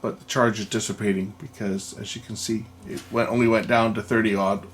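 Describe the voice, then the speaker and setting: At an indoor repair workbench, an electronics repairer and video host gives unscripted, hands-on commentary, explaining matter-of-factly and thinking aloud while he works. His fairly low voice is flat and brisk, with a slight hiss or hum in the recording.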